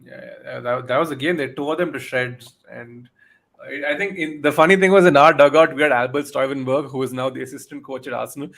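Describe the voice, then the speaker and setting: A man co-hosting a football podcast in casual chat, often pausing to search for words. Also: medium pitch, fairly even intonation, vocal fry, a bit bright. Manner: hesitant, searches for words with fillers. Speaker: podcast co-host.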